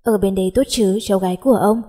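A woman voicing a brisk, doting elderly grandfather in a Vietnamese audiobook. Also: mid-range voice, steady tone, warm tone, slightly rough, lightly acted.

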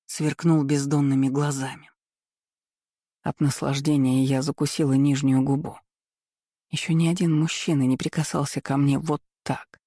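Male audiobook narrator, romance; steady, flat delivery, dry sound. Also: on the high side, no echo. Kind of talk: first-person romance novel narration.

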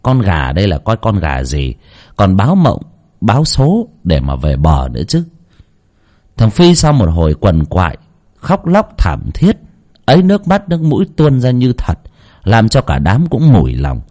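A man narrating a horror story audiobook in a dramatic, expressive storytelling manner. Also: on the low side, moderate pace.

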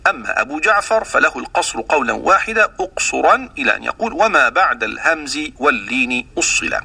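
A man's voice: mid-range voice, big pitch swings, fast, vocal fry, bright, forceful tone, slightly rough, recorded from a distance. A man teaching the readings of the Quran, explaining rules and then chanting verses and quoted teaching poems as examples.

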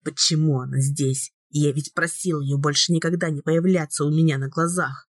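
A woman's voice: deep voice, fairly even intonation, moderate pace, no room sound, clean studio sound. Woman reader doing a subdued young man. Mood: indignant. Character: young man, recovering from a coma, guarded.

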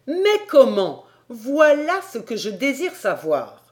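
A woman voicing an excitable middle-aged male French geographer who bursts into loud, fussy exclamations. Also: fairly high pitch, takes it slowly, voice pushed up, heavily acted. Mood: excited.

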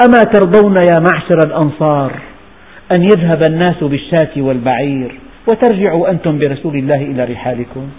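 Syrian male preacher, emphatic lecturing, fairly high voice, phone-thin sound in a reverberant hall. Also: quick pace. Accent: Syrian Levantine Arabic. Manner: emphatic, building repetitive rhetorical lists. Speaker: Islamic preacher explaining scripture. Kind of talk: religious lecture. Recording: tinny lo-fi audio with long hall reverb.

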